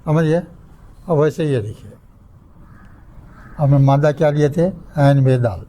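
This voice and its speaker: Older male teacher, slightly high, mellow voice. Quizzes the class and spells out patterns syllable by syllable. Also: low-quality recording. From India. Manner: asks the class questions and drills word patterns syllable by syllable. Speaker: Arabic grammar teacher. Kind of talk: classroom lecture. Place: mosque classroom.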